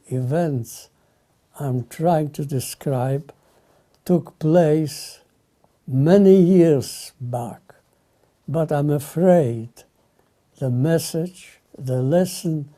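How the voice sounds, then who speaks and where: An older man from Lithuania, giving solemn spoken testimony in short, halting phrases. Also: on the high side, dark tone.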